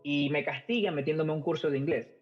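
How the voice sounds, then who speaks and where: A man's voice: fairly high pitch, fast talker. Ecuadorian man, hesitant podcast chat. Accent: Ecuadorian Spanish. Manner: hesitant, fillers and repeated words. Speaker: podcast guest. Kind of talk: casual conversational storytelling. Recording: muffled lo-fi podcast audio, faint music.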